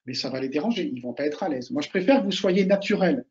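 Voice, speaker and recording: A man talks quickly in a fairly high, dark and mellow voice, coaching students for an oral exam. He is animated and casual, hammers home his main points and speaks straight to the listener. The recording is dull and lo-fi. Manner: animated, repeats key points, addresses listeners directly. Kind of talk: casual advice talk to students.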